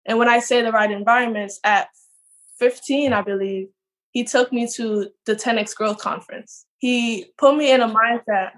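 A young woman talks eagerly on a video call as a podcast guest. She tells her story openly, and her voice sits a little high. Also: steady tone, moderate pace. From Trinidad. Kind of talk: casual podcast interview.

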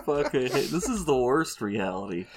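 A man's voice: mid-range voice, sing-song, normal speed, a crowd in the background. A man playing in a tabletop game, bantering in a mock-stern, exasperated way. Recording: noisy with clicks.

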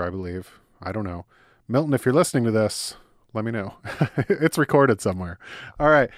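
A man hosts a casual podcast interview, chatting with plenty of fillers and little laughs. His voice sits at an ordinary pitch. The sound is dry, with no room echo. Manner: chatty, laughs often, many fillers and restarts. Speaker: podcast host.

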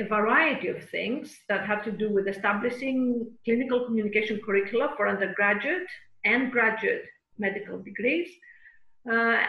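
A middle-aged woman from Greece, a professor being interviewed on a podcast, speaking with many pauses and fillers. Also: mid-range voice, vocal fry, roomy sound, highs cut off. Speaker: guest professor.

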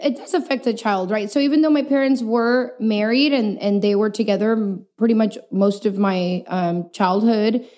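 A woman from El Paso, Texas, talking casually as a podcast guest, chatty and quick to laugh, with many fillers. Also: medium pitch, darkish tone. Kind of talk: casual interview chat.

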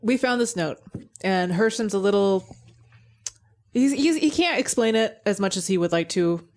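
Woman gamer chatting at the table in a roleplay game, lively mid voice. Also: medium pitch, normal speed. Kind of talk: casual tabletop role-play chat.

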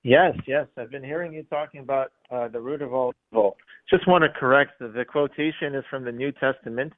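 A male radio caller comes through a narrow, tinny phone line at a middling pitch. He rambles and halts, padding his points with fillers. The studio sound around his voice is dry. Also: no echo. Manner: rambling, halting with many fillers. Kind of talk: call-in radio chat.

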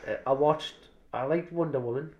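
A man's voice: fairly high pitch, normal speed, darkish tone, lo-fi sound. A man hosting a podcast, chatting casually about films with matey, sweary banter. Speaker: podcast host.

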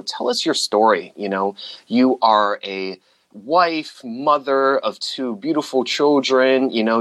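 A man's voice: medium pitch, a bit bright, dry recording. A man hosting a podcast interview, upbeat and loose, with plenty of fillers as he introduces and questions his guest. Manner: upbeat, lots of fillers like "you know". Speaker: podcast host. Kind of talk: casual interview.

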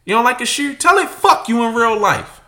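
A man's voice: extremely high pitch, animated, normal speed, pushed and bright. A man, co-hosting a podcast with brash, profane, emphatic rants. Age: 30s. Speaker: podcast co-host. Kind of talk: casual opinionated rant.

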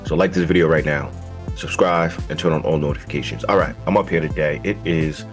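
Deep froggy croaky morning voice guy doing a casual podcast, slangy, bit of music behind him. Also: fairly even intonation, a little fast. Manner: informal, slangy, addresses listeners directly. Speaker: podcast host.

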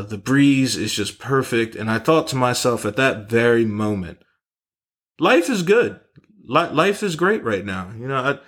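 A man hosting a podcast, telling a comic story in an animated, profane way and often correcting himself. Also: medium pitch. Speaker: podcast host. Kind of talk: comedic storytelling monologue.

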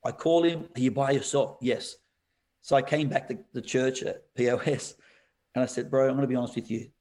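Animated pastor telling a story. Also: male voice, medium pitch, brisk. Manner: animated storyteller, laughs often, says "bro". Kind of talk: storytelling in a podcast interview.

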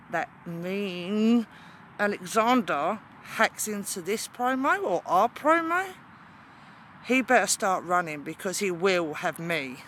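Demon queen wrestling heel, gloating and taunting, bright high voice, slow deliberate delivery , played by a woman. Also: a little hiss or hum. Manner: taunting, with drawn-out evil laughs. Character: menacing female demon wrestling champion, gloating. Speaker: wrestling promo performer. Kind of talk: wrestling promo.

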